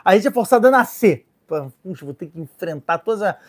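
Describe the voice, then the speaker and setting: A man with a Brazilian Portuguese accent giving an informal Torah lesson as a rabbi, lively and joking, often acting out little voices. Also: sits high, a little fast, breathy edge. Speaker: rabbi teaching a Torah class.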